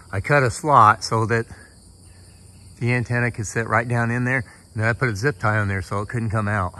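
With a sharp tone in a mid-range voice, a middle-aged American man talks folksily through an unscripted show-and-tell about his hobby. The outdoor recording, made in a yard and on a roof, picks up insects.

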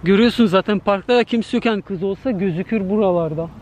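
A man's voice: sits high, quick pace, darkish tone, slight background noise. A man vlogging with a handheld camera in an empty park at night, nervous and talking straight to his viewers. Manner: nervous, talks to viewers directly. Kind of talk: night-time scare vlog to camera.

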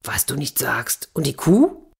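A woman's voice: extremely low pitch, wildly swooping pitch, a little slow, creaky, a little mellow, breathy edge, full character voice. A woman voicing a boastful, cheerful male scissor grinder in a children's fairy tale reading, jovial and coaxing.

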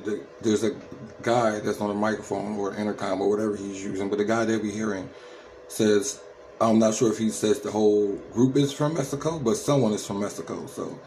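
A man in his thirties from Trenton, New Jersey, with an American accent, hosts a reaction video full of casual, slangy commentary and repetitive tag questions. His voice is lowish and dark, on a low-quality recording with slight background noise.

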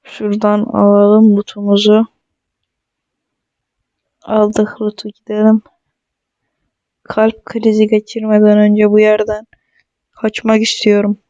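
High, chatty young gamer guy. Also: takes it slowly, long pauses, clear, resonant tone, no echo, muffled recording. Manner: chatty and excitable, jokes and talks straight to viewers. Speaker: mobile gaming streamer. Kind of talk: casual gameplay commentary.

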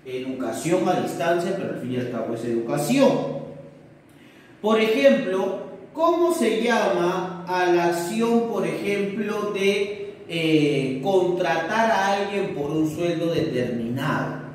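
A man's voice: high voice, lively intonation, slow. A young man teaching a lesson at a whiteboard for distance learning, asking questions in a student's voice and answering them himself with tag questions. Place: room with a whiteboard, indoors. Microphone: camera across the room. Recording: very echoey room, voice from far off.

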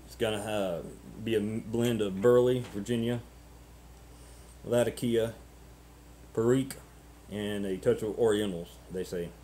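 Low, mellow, halting man, noisy webcam audio. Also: steady tone. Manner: halting, ruminative, repeats words. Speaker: pipe-smoking vlogger. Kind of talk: casual unscripted chat to camera.

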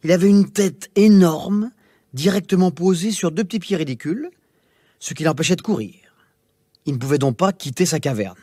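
Expressive man reading a children's tale. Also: high-pitched, dry recording. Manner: slow, expressive, theatrical narration. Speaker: storyteller. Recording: music playing behind.

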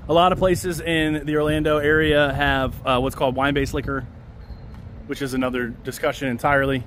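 A man in his thirties vlogs a casual outdoor walking tour, musing aloud and pointing things out along a busy city street. His voice is on the high side and a bit bright, with a level tone and a slightly fast pace. A handheld camera mic in front selfie view records him, with faint traffic noise behind.

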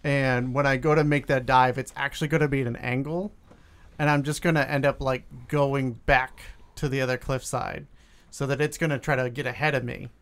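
A man talks casually at a tabletop game, explaining his character's actions. His voice sits in a middle register and has plenty of fry in it. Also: mid-range voice, steady tone, fairly quick, a bit bright.

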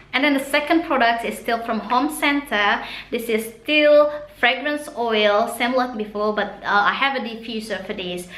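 Chatting through her shopping haul, this Indonesian vlogger in her thirties laughs often and gushes over products. Sundanese is her first language, and she has an Indonesian accent. Her mid-range voice is fairly bright, and the low-quality recording sounds roomy in a small indoor space.

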